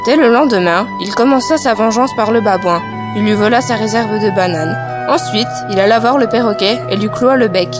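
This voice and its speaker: A woman's voice: mid-range voice, fairly quick, hardly any pauses. Girl narrating a school story over music. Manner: steady read-aloud narration.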